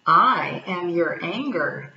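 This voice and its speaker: A woman's voice: on the low side, animated, slow pace, roomy sound, distant mic, muffled recording. A woman voicing a hairy red creature, the spirit of a boy's anger, coaxing and playful, in a storybook.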